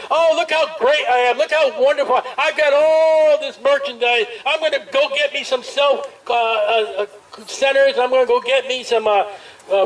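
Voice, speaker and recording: A loud street preacher with a high-pitched voice preaches outdoors at a busy festival, his voice amplified by a portable speaker. The distant recording picks up ambient noise as he stretches out and pounds his emphatic phrases.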